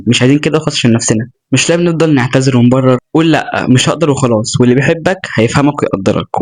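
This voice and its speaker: Young egyptian guy vlogging self-help stuff, talks super fast, mid-pitched, earnest and chatty with little jokes. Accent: Egyptian Arabic. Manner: earnest and chatty, with joking asides. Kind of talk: casual motivational talk to camera.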